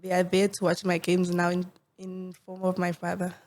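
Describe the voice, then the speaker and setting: Young South African woman interviewee, mellow flat delivery, shy and hesitant. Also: on the low side, moderate pace. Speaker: football player guest. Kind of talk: interview answers.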